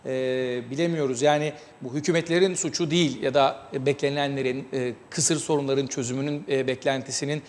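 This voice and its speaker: Give me a man hosting a TV talk show, measured and halting, in a reverberant studio. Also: medium pitch, fairly even intonation, slight background noise. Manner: measured, many hesitant filler sounds. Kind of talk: news commentary and interview.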